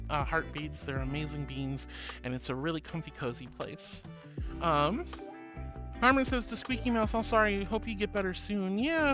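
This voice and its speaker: This woman streamer has a lowish voice and chats casually with her audience while background music plays. She reads comments out loud, calls viewers darling, honey and sweetie, and keeps a playful, giggly tone.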